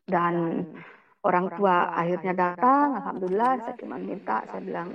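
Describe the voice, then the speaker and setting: A woman's voice: on the low side, steady tone, moderate pace, creaky, muffled recording. A woman giving an emotional personal testimony to a congregation, often turning to address her listeners directly.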